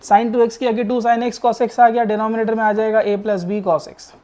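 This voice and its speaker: A man's voice: high-pitched, little pitch movement, unhurried, dark tone. A man teaching maths in a recorded online lecture, explaining step by step, asking rhetorical questions, and mixing English maths terms into his Hindi.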